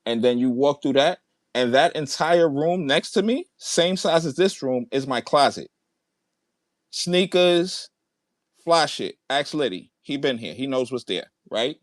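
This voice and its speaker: A man's voice: mid-range voice, animated, a little slow, dry recording. A man in a heated online debate, arguing emphatically and swearing as he repeats his points. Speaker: debate participant. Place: large room at home.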